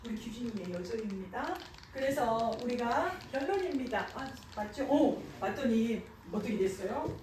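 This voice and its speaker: In a church sanctuary, a woman children's pastor delivers a sermon to kids, posing questions and then answering them. Her fairly high, darkish voice has lively intonation at normal speed with hardly any pauses. The distant mic catches hall echo plus a slight hiss or hum.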